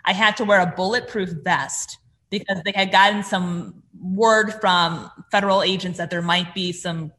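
A woman, a former television host, telling a personal story in an interview and acting out the quoted dialogue. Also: mid-range voice. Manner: animated, acts out quoted dialogue.

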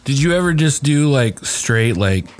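Man, podcast host, medium pitch, curious questions, easygoing casual chat. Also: animated, a little slow, a little hiss or hum.

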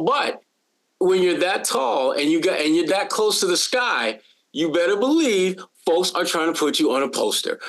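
A man co-hosts a sports podcast, his voice sitting a bit high for a man. He talks in a loose, animated chat style, jumping in with playful bits and frequent restarts. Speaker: podcast co-host.

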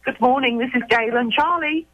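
A woman's voice: high-pitched, brisk, narrow, tinny audio. A British woman calling in to a radio show, speaking in an amused, sing-song way. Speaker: caller.

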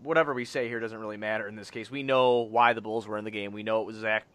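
A man's voice: on the low side, steady tone, fast, fairly bright tone. A man hosting a sports podcast in casual chat, with a blunt, slangy, sweary way of talking. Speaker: podcast host.

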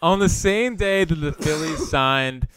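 A man's voice: fairly high pitch, unhurried, fairly bright tone. A man chatting casually as a sports talk podcast host, with a teasing, needling way of talking.

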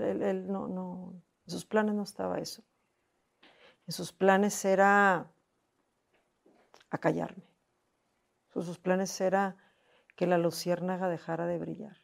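A woman's voice: medium pitch, vocal fry, a little mellow. A middle-aged Mexican woman, a guest in an interview, telling a personal story with emotion, often repeating herself and acting out what others said to her. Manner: repetitive, acts out quoted voices.

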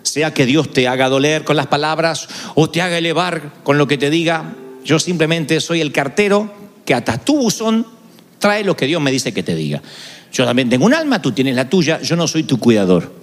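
A male pastor preaching an animated sermon and switching between acted voices. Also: a little high, moderate pace, faint music behind. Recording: long hall reverb.

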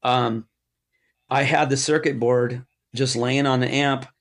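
A man's voice: mid-range voice, steady tone, takes it slowly. Guy rambling thru a story in an interview, lots of restarts, average voice. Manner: rambling, with many restarts and asides. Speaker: interview guest, amp builder.

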